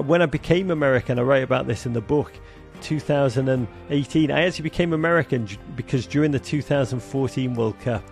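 A Liverpool-accented Englishman who is a soccer broadcaster and author talks animatedly in a conversational interview, using many fillers. His mid-range voice is creaky with a somewhat dark tone.

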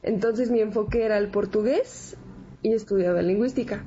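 Speaking a little fast in a dark, medium-pitched voice, a twenty-something accordionist from San Antonio, Texas, with a Mexican accent, chats casually as an interview guest and explains herself. The audio is dull, with ambient noise in the background.

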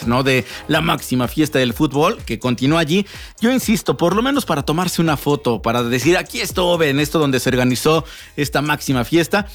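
A Mexican man gives a chatty radio rundown as a correspondent. His voice is fairly high and hoarse, and he often turns to listeners in a conversational way. Faint music plays underneath. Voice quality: hoarse, boozy-sounding. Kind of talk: casual radio chat about local events. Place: radio booth.

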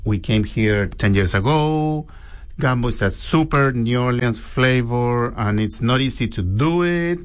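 A man from Chile with a Chilean Spanish accent, a restaurant cook speaking in an interview, halting and often restarting, saying "you know" a lot. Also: mid-range voice, lively intonation.

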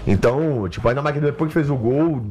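Brief: excitable male radio guest, slangy, rapid-fire delivery. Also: mid-range voice, soft background music. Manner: excitable, slangy, swears freely. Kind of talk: casual banter.

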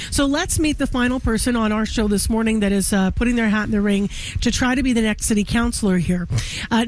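A woman's voice: a little high, a little mellow, slight background noise. A woman hosting a morning radio show, talking conversationally with frequent fillers. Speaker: radio host. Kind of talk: radio interview.

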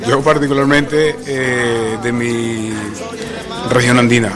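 A Venezuelan man with a Venezuelan accent, giving an earnest, measured radio interview and pausing to find his words. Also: mid-range voice, little pitch movement, loud music behind the voice. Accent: Venezuelan Spanish. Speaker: interviewee, community association member.

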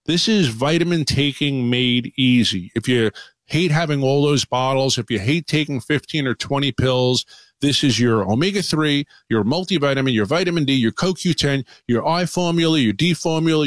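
A man's voice: medium pitch, no room sound. A man speaking as a doctor guest on a paid radio infomercial, upbeat and salesy, reading out customer testimonials.

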